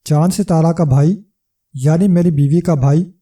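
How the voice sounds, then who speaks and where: A man's voice: fairly high pitch, fairly even intonation, mellow, breathy edge, far from the mic. A man voicing a boastful, scrawny male trickster who blusters and flares up in anger, in a storybook reading.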